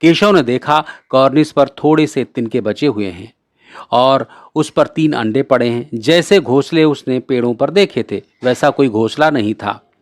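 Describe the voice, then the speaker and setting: A man narrating a classic short story in a measured, clear reading voice. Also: mid-range voice, no room sound, clean studio sound.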